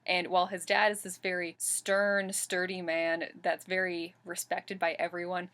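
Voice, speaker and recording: This young woman speaks at normal speed in a fairly low, level voice that's a bit bright. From her bedroom in front of a bookshelf, the twenties-aged reviewer tells her webcam all about a book she enjoyed, correcting herself now and then in a casual vlog.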